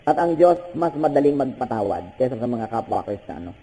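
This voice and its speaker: An older man with a Filipino accent, preaching a sermon with animated bursts and switching between Tagalog and English. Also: fairly quick. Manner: animated preaching with sudden high-pitched bursts. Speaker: pastor. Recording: hall with long reverb.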